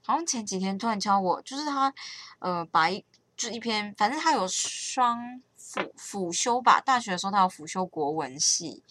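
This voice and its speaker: A woman's voice: medium pitch, expressive, moderate pace, pushed and bright. A young woman with a Taiwanese Mandarin accent chatting casually to her viewers, rambling and correcting herself as she talks. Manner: rambling, self-correcting, playful. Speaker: vlogger. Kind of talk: casual chat to camera.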